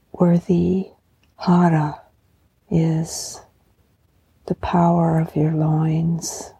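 Very soft, breathy, serene woman guiding meditation. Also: on the low side, rough recording. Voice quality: soft, breathy, often near a whisper. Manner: serene, soothing, slow and unhurried. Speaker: podcast host and meditation guide. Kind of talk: guided meditation with poetry reflection.

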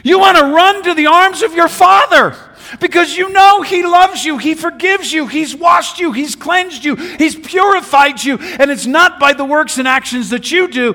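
A man preaching a sermon as pastor, swinging from loud shouted declarations to hushed, intimate passages. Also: very high voice. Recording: reverberant hall.

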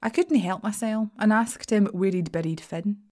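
A woman's voice: medium pitch, normal speed, a little mellow, close to an everyday voice. A woman with a broad Scottish accent performing a first-person audio drama monologue as a sardonic, sweary, anxious shop assistant, confiding her story wryly. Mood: wistful, wry.

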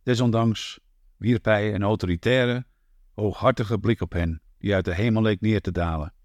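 Man, audiobook narration, low voice, measured, dry close sound. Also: a little mellow, dry recording. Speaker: audiobook reader.

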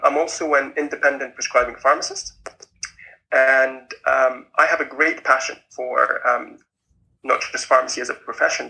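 A middle-aged man from Egypt, a clinical pharmacist guest, introducing himself in a measured way with many pauses. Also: mid-range voice, gravelly, bright, forceful tone, low-quality recording. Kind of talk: interview self-introduction.

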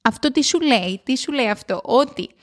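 A woman hosting a motivational podcast at home, talking loudly and emphatically with excitement. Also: sits high. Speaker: podcast host. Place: at home alone.

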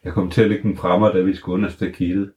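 A man's voice: low-pitched, level tone, darkish tone, lightly acted. Man doing a scrappy teddy bear, blunt, eager, children's audio story.

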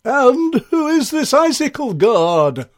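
A man's voice: very high voice, big pitch swings, takes it slowly, voice pushed up, heavily acted. A man voicing a pompous, cold-hearted male Ice King in a children's story. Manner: pompous, self-satisfied, punning.

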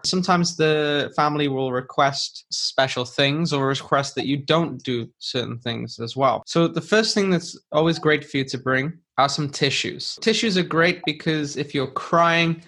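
A man's voice: on the high side, fairly bright tone. A man hosting an English-learning podcast, explaining in simple, conversational language and rephrasing for a learner. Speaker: podcast host and English teacher.

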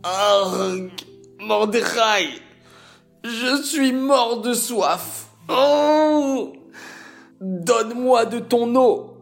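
Villain: arrogant, furious prime minister, shouting and gloating, pitched high above the male narrator's own voice. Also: extremely slow, vocal fry, faint music behind, heavily acted. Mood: begging.

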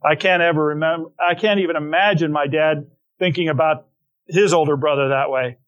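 Middle-aged guy preaching, kinda high voice, rambly storytelling, lots of restarts. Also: fairly even intonation, a little fast, lo-fi sound. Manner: conversational storytelling with frequent restarts. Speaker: pastor. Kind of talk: sermon.

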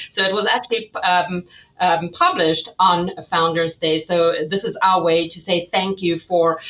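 A woman's voice: lowish voice, fairly bright tone, low-quality recording. A woman with a South African accent, co-hosting a podcast and talking with enthusiasm, with frequent ums. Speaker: podcast co-host. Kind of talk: casual podcast interview.

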